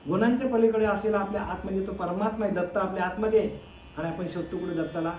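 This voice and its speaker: A high-pitched man gives a devotional discourse as a spiritual teacher. He asks his listeners questions, answers them himself, and draws out chanted verses slowly. The room is echoey, with faint instrumental music behind him. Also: fairly even intonation, a little mellow.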